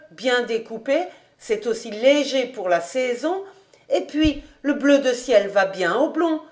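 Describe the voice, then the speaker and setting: A woman's voice: on the high side, a little mellow. A woman doing a chattering old housekeeper. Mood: admiring. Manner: eager, coaxing, chattering. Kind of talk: audiobook character reading.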